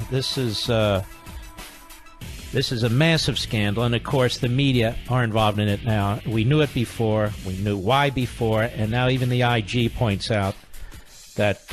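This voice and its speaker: A man hosting a call-in talk radio show, speaking emphatically and indignantly into a studio microphone. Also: mid-range voice.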